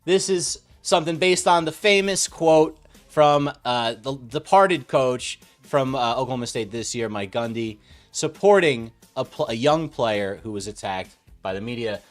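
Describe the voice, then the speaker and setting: A man in his forties with a mid-range voice introduces a podcast segment in a relaxed, mock-formal way. He co-hosts a casual sports show. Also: mid-range voice, measured pace, faint music behind. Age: 40s. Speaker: podcast co-host.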